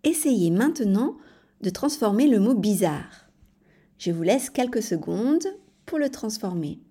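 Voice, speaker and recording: A woman presenting a scripted French-language podcast lesson, explaining clearly and spelling out examples letter by letter. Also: mid-range voice, lively intonation, a little slow, warm tone.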